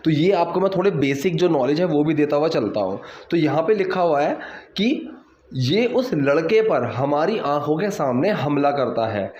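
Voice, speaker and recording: Male language tutor, brisk explanations, slow deliberate readings, echoey lo-fi room. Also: fairly high pitch, expressive, darkish tone. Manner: explains quickly, then reads English lines slowly and deliberately. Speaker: English teacher. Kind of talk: bilingual language lesson. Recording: roomy, slightly dull home recording.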